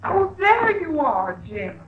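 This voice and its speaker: An actress playing a spirited, defiant young wife in a 1950s radio drama, with an emotional, theatrical delivery. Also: female voice, sits high, sing-song, takes it slowly, slight background noise, heavily acted. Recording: dull lo-fi old radio recording.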